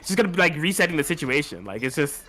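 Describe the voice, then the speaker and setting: Male color commentator, slightly high and bright; casual, hyped delivery with lots of "dude" and "like.". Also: very animated, rapid-fire, faint music behind. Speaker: esports co-commentator. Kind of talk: fighting game color commentary.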